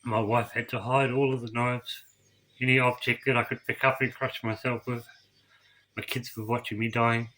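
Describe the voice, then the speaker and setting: A middle-aged man telling his own story to camera, emotional and tearful, halting and repeating words as he goes. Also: mid-range voice, little pitch movement, bright, forceful tone. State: crying. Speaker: vlogger.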